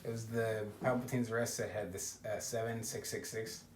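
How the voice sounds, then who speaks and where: A young man co-hosting a casual gaming chat, telling lively stories and laughing often. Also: lowish voice, normal speed. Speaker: podcast co-host. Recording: roomy echo, faint noise.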